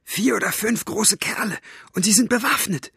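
A man's voice: sits high, normal speed, gravelly, pushed and bright, breathy edge, no echo, clean studio sound, pitched above the performer's own voice, full character voice. A man voicing a strong, frightened woman who hisses and whispers urgently. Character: strong middle-aged woman, frightened, fiercely protective.

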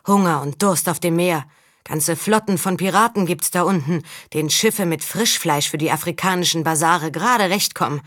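A woman's voice: deep voice, breathy edge, dry recording, studio quality, heavily acted. A woman reading a world-weary male mercenary of about forty, blunt and sceptical. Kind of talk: audiobook character reading.

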